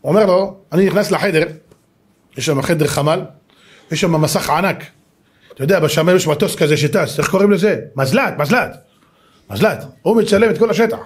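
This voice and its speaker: A man, a rabbi giving a lively sermon and acting out the people in his stories, at times shouting. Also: fairly high pitch. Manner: animated, shouts and acts out voices in the stories.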